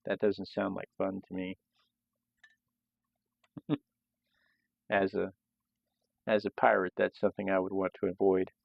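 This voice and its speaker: Man, gravelly voice, dry close sound, dull lo-fi audio, casual live-stream chat, rambling with restarts. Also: deep voice, monotone, measured pace, pauses often, no echo. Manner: loose, rambling delivery with frequent restarts. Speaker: host of a live sketching stream. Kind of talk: casual live-stream talk while drawing.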